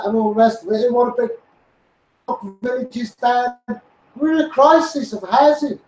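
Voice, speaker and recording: A high-pitched, slightly mellow man's voice with a Scouse accent rants on a livestream, rambling and impassioned. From the Liverpool area, this online campaigner addresses viewers insistently and repeats himself, heard through a distant mic in an echoey room.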